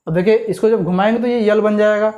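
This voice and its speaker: A man teaching a memory trick, explaining step by step and often checking with "clear?" and questions to the viewer. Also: high voice, steady tone, quick pace, warm tone, lo-fi sound. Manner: repeats "clear?" and asks rhetorical questions.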